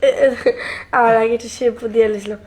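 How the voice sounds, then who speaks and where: A woman's voice: a little high, level tone, racing, darkish tone, natural voice. A woman playing a young bride married to an old man, coy and evasive in a comic drama. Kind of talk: comic audio drama acting.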